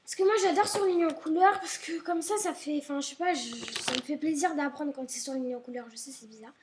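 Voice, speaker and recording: At home indoors, a young woman vlogs about her school supplies in a casual chat, rambling and often apologizing. She sounds a little ill, maybe stuffy-nosed, and her high voice moves fast over a noisy background.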